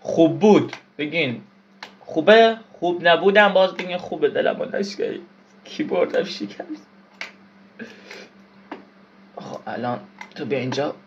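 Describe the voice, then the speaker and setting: A man's voice: fairly high pitch, expressive, long pauses, muffled recording, slight background noise. A man giving casual gameplay commentary, frustrated, swearing and yelping at the game. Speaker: gaming YouTuber.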